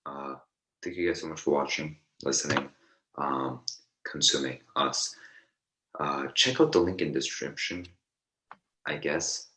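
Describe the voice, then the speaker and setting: A young man with an exceptionally deep voice hosts a casual podcast with a friend. He rambles, stumbles over restarts and leans on fillers as he talks. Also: unhurried, long pauses, bright, forceful tone, a little hiss or hum, poor audio. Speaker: podcast co-host.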